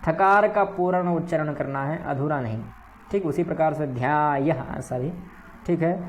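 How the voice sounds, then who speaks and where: A man teaching Sanskrit recitation, saying verse words slowly and correcting how each sound is pronounced, often checking in with "ठीक है". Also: fairly high pitch, slight background noise. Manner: slow, careful pronunciation drills. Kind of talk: recitation lesson.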